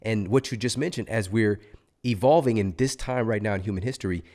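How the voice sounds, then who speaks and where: Man, podcast host, reflective, hesitant phrasing, lowish voice. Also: a little fast, darkish tone. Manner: searching for words, thoughtful, hesitant. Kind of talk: casual interview chat.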